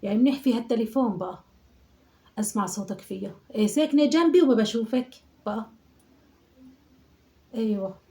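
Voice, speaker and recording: This comic monologue sketch has a woman voicing a nagging, chatty Aleppo mother in her sixties who fusses, scolds, and mutters prayers in an Aleppo Syrian Arabic accent. The performer's voice sits on the high side, warm and close to everyday, brisk with frequent pauses.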